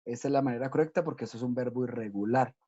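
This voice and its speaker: Speaking very fast in a mellow, dark, mid-range voice, a male English teacher leads a recorded online lesson for kids. He stays patient and methodical, walking through each step and regularly asking "¿listo?" to make sure they're following. The audio is dull and lo-fi.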